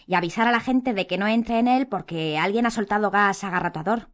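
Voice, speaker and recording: A woman's voice: mid-range voice, brisk, natural voice. A woman reading an audiobook, voicing a curious, direct teenage girl who speaks a little coolly.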